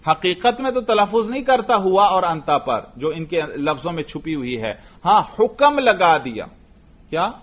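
A man's voice: sits high, very animated, normal speed, a bit bright, muffled recording. Man teaching grammar with a Pakistani Urdu accent. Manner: explains patiently, asks the class questions and answers them himself. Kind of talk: classroom grammar lecture.

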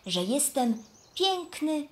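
A woman's voice: high voice, big pitch swings, slow pace, voice pushed up, full character voice. A woman voicing a naive, cheerful young flax plant in a children's storybook. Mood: joyful. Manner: gentle, earnest.

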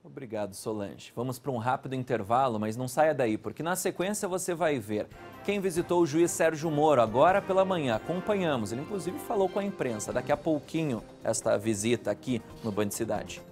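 Male anchor, studio news presenting, brisk conversational delivery, soft music underneath. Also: medium pitch, animated.

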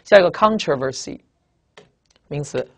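A man's voice: on the high side, animated, moderate pace, a bit bright. A man teaching English vocabulary, explaining and repeating, asking rhetorical questions and drawing out "啊". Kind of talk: classroom lecture.

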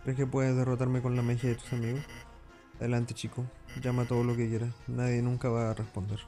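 A man voicing a scheming male puppet-salesman robot from a video game, reading its dialogue slowly and mockingly. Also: medium pitch, completely flat delivery, dark tone, soft background music, lightly acted. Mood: gloating.

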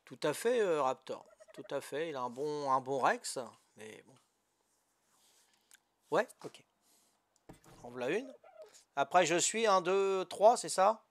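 A man's voice: a little high, lively intonation, slow, pauses often. An older man from Corsica chatting casually while playing a game, good-natured and often asking if he is doing it right. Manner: good-natured, lots of "hein" and "voilà", asks for guidance. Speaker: gamer streamer. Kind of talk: casual gameplay chat.

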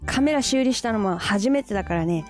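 A woman vlogging in a casual, chatty way, gushing and quick to laugh as she unboxes gear. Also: medium pitch, expressive, darkish tone. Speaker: camera vlogger. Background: background music.

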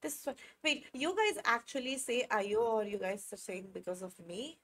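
A young woman with an Indian English accent talks to her viewers in a loose, chatty way, laughing easily and correcting herself mid-sentence. Her voice sits a little high. She sounds like a live streamer answering chat. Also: animated, normal speed, fairly bright tone. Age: 20s. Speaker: chess streamer.

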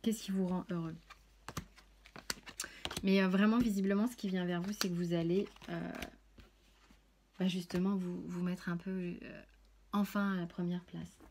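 A woman's voice: fairly low pitch, fairly even intonation, unhurried, long pauses, background noise. A woman doing a casual tarot reading, talking chattily with many fillers and restarts. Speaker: tarot reader.

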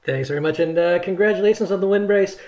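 A man's voice: high voice, fast talker, a little mellow, highs cut off. A man working as a sports reporter, putting questions in an interview.

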